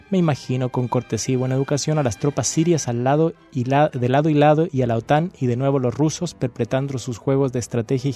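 On a university radio show, a Chilean man with a medium-pitched, dark voice reads a passage passionately in a repeating cadence. Afterward, as the show's guest, he talks casually about a novel.

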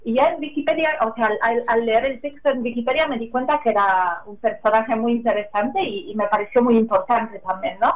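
A woman's voice: fairly high pitch, a little fast, hardly any pauses. Hesitant woman on a dull lo-fi line. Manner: hesitant, many fillers and tag questions. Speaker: translator, interview guest. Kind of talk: casual radio interview answers. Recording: dull lo-fi audio.

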